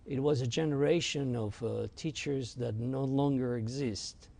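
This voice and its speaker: A man from Argentina whose first language is French, a rabbi recounting his experiences at an unhurried pace as an interview guest. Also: mid-range voice, creaky, mellow. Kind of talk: reflective storytelling.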